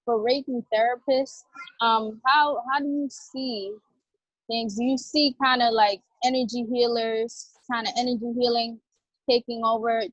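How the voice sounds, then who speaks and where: A woman from Barbados asking a question on a webinar, offering greetings and pausing with fillers as she goes. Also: on the high side, fairly even intonation, no echo. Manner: warm greetings, hesitant with fillers. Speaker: webinar participant. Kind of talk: video-call question. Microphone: video call. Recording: dry, dull video-call audio.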